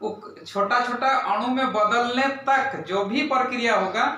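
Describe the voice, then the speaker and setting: A man's voice: very high-pitched, a little slow, sharp tone. A man teaching a classroom science lesson, quizzing his pupils and repeating key terms. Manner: asks pupils questions, repeats terms, says "right?" often. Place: classroom, indoors. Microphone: camera far off in the room. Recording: very echoey room, voice from far off.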